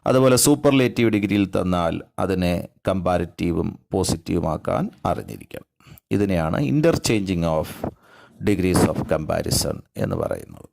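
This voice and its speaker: A man's voice: low-pitched, big pitch swings, unhurried, vocal fry, a little mellow. A man with a Malayali accent teaching an English grammar lesson. He goes patiently step by step, asking questions and then answering them himself. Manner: patient, explains step by step, asks and answers his own questions.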